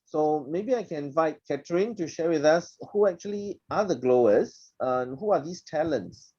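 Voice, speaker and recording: A man moderating a panel discussion, introducing speakers and inviting them to share in a lively, encouraging way. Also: fairly high pitch, normal speed, breathy edge, lo-fi sound.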